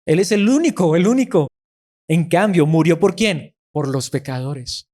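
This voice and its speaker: A man's voice: fairly high pitch, expressive, unhurried, dark tone. A man preaching a sermon emphatically, asking his listeners rhetorical questions and repeating words for stress.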